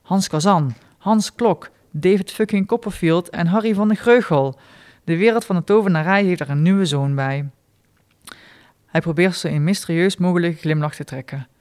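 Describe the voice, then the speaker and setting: A man reading his short stories aloud in a dry, deadpan way, with small spoken asides. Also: high-pitched, normal speed, clean tone.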